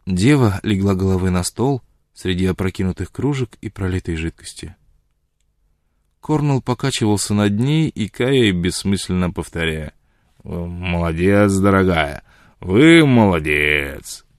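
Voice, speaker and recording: Low-voiced male audiobook narrator. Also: expressive, moderate pace, darkish tone, no echo, studio quality. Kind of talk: scripted narration.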